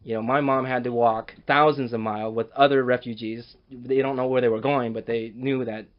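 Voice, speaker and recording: A man's voice: mid-range voice, steady tone, a little fast. Rambling man from Cambodia, lo-fi podcast. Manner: rambling, many restarts and repeated words. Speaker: filmmaker guest. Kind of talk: casual interview chat. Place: on a boat in a harbor.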